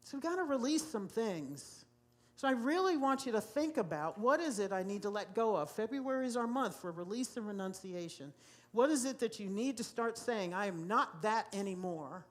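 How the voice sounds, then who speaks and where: A woman's voice: medium pitch, lively intonation, moderate pace. Emphatic woman pastor preaching. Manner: emphatic, repeats phrases for effect. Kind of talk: sermon. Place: church sanctuary.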